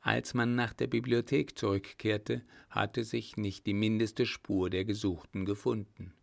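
A man reading a novel aloud as an audiobook narrator at a steady, measured pace. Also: fairly low pitch, gravelly.

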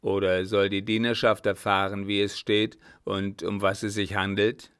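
A man's voice: fairly low pitch, a little slow, sharp tone, clean tone. A man doing a harsh, menacing old captain. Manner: hard, commanding, menacing. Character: harsh, threatening old sea captain, male.

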